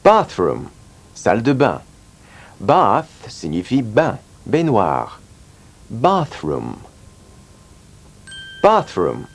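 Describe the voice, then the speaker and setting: Slow, lively-voiced teacher man. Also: fairly low pitch. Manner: slow, clearly articulated drilling of words. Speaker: language teacher. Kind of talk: scripted language lesson.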